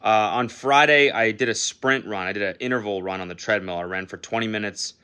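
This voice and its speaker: A man's voice: lowish voice, a little fast, background noise. A young man casually vlogging about his training, self-mocking, laughing often and swearing freely. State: out of breath after a run.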